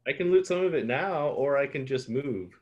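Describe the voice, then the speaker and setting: A man's voice: medium pitch, moderate pace, highs cut off. A man playing a board game, chatting casually and thinking aloud about his moves. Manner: relaxed, thinking aloud, chuckles.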